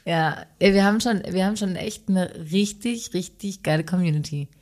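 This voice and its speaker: Lowish-voiced woman co-hosting a podcast. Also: fairly quick, a little mellow. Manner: interviewing, lots of short agreeing "ja", laughs easily. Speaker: podcast co-host. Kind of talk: casual podcast chat.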